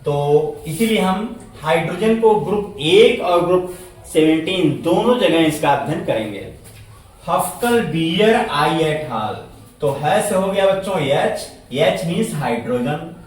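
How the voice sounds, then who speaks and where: A man teaching a chemistry lesson to students, speaking slowly, repeating words, spelling them out letter by letter and answering his own questions. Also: a little high, animated, a little mellow, far from the mic. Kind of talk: classroom lecture. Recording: echoey room, voice set back from the mic.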